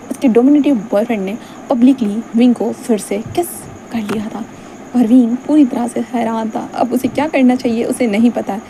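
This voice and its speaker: A woman's voice: a little high, warm tone, a little hiss or hum, poor audio. A woman telling a fan fiction story in a casual, chatty way, mixing in English words and briefly acting out the dialogue.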